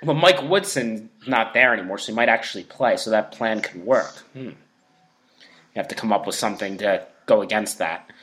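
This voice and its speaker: Opinionated teasing man, bright voice. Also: lowish voice, lively intonation, normal speed. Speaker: podcast co-host. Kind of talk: casual podcast chat.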